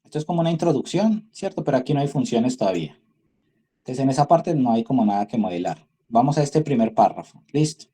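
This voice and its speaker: Husky, dark-voiced man teaching. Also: mid-range voice, lively intonation, fast talker. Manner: thinks aloud, checks in with tag questions. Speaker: university instructor. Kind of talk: online class lecture.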